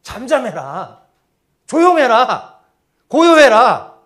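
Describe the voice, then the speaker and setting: A man's voice: very high-pitched, sing-song, pitched above the performer's own voice, exaggerated voice. A man voicing a stern, commanding master. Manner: slow, loud, stern commands. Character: commanding male teacher rebuking the storm and his followers.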